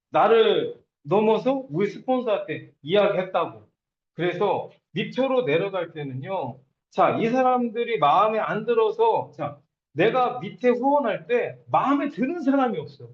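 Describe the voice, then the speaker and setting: Animated man lecturing in an echoey room. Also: high voice, normal speed, lo-fi sound. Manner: animated, acts out quoted partners and sponsors. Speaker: network marketing speaker. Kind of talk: lecture to an audience.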